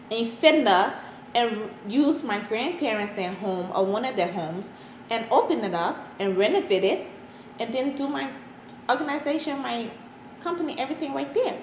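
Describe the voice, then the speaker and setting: A woman's voice: fairly high pitch, reverberant, slight background noise, poor audio. A woman from Liberia with a Liberian accent, talking earnestly as a parent in an interview and repeating points for emphasis. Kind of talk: casual interview answers.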